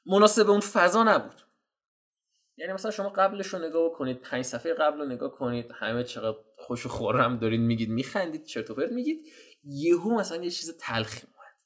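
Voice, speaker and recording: A man giving casual, slangy dating advice while walking viewers through chat screenshots. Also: on the high side. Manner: slangy, animated, addresses viewers as "guys". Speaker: dating coach.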